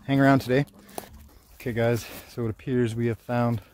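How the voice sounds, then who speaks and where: A Canadian man in his thirties vlogs while hunting shed antlers on wooded, rocky hillsides, chatting enthusiastically in slangy, folksy phrases. His mid-range voice has a darkish tone and little pitch movement at a moderate pace, and the handheld outdoor recording is clearly noisy.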